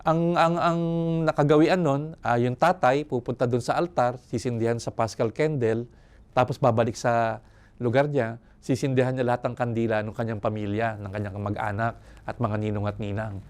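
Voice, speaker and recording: A man's voice: medium pitch, fairly even intonation, normal speed, darkish tone. An older man from Manila, a priest giving a reflective retreat sermon, speaking conversationally with chuckles and tag questions. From Manila, Philippines. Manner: conversational, chuckles and asks "no?" often. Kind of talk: reflective sermon with personal stories.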